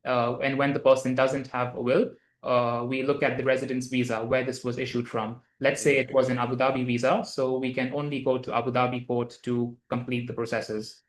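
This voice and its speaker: A man's voice: mid-range voice, flat delivery, a little fast, few pauses. A man, a lawyer, answering interview questions at length, with many fillers and restarts. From Dubai. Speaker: lawyer guest. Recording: roomy echo.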